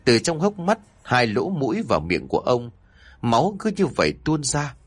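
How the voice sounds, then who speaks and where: A man narrating a scripted horror story with dramatic, expressive delivery. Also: mid-range voice, normal speed, husky, no echo.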